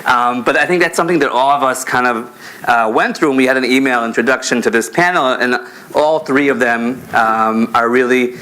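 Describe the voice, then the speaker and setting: A man's voice: medium pitch, brisk, bright, forceful tone, poor audio. A young man moderating a conference panel in a loose, chatty way, with many fillers and restarts. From born in America, grew up in Israel.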